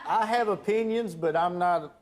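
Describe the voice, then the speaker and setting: A man's voice: high-pitched, moderate pace, darkish tone. A man speaking as a litigant on a TV court show, complaining in an aggrieved way. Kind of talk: unscripted courtroom testimony.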